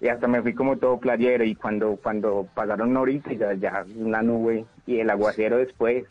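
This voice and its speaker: A man's voice: fairly low pitch, fairly even intonation, a little fast. Paisa man calling in on a dull line. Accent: Colombian paisa. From Medellín, Colombia. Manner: friendly, playful, flirty. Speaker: radio caller. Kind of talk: casual on-air phone chat. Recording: dull phone-line call.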